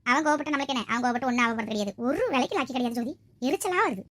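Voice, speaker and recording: A kind but blunt young village wife, as a woman acts her out. She talks in a lively way with a high voice at a rapid pace. It is a village comedy skit.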